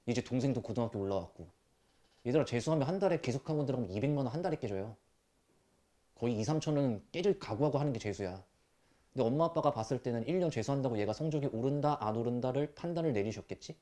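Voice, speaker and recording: A man teaching math to high school students, scolding them bluntly with rough language and rhetorical questions. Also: expressive, fast talker, warm tone. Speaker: math tutor. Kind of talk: classroom lecture.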